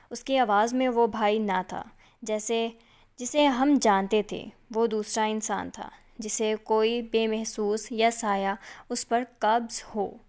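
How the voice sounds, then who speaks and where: Woman narrating a dark suspense story. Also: fairly high pitch, clean tone.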